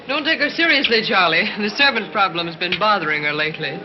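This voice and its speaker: A woman's voice: medium pitch, quick pace, lo-fi sound, natural voice. An actress playing a sardonic young society woman, needling in 1930s screwball comedy banter. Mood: arch, probing. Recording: band-limited 1930s film soundtrack with music.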